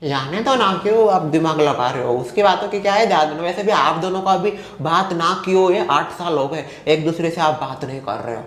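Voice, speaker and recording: A man's voice: on the high side, a little fast, few pauses, a bit bright, natural voice. A man playing a gossiping neighbor auntie. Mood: soothing. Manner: gossipy, defensive, drops voice when quoting others. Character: gossiping middle-aged neighbor woman. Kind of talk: comedy sketch acting. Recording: echoey room, faint music.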